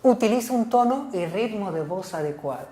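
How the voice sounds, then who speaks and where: A woman teacher lectures to a class at normal speed, her medium-pitched voice animated and mellow. She frequently asks "¿ok?" or "¿sí?" to check on her listeners and restates her main points in different ways. The recording has an echoey room sound.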